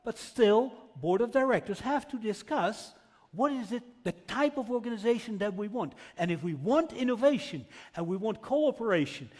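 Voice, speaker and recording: A man's voice: sits high, a little mellow. A man speaking at a conference, answering a question emphatically in short, separated phrases. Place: large indoor event hall. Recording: echoey hall with long reverb.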